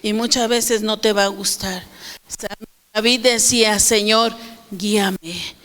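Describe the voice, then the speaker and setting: A woman's voice: a little high, steady tone, unhurried, fairly bright tone. Woman pastor preaching in a hall. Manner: preaching with questions to the congregation and acted quotes. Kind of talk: sermon.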